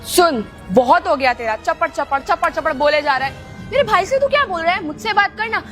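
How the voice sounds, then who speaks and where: A woman's voice: very high-pitched, lively intonation, fairly quick, a bit bright, faint music behind. A woman playing a spoiled rich younger sister who sneers rudely at a poor man in an amateur skit. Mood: sneering. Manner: sneering, rude.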